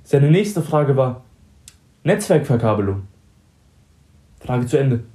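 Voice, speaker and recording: A man's voice: medium pitch, big pitch swings, slow pace, warm tone. A young man in casual chat, telling a story in slang and acting out both sides of a conversation.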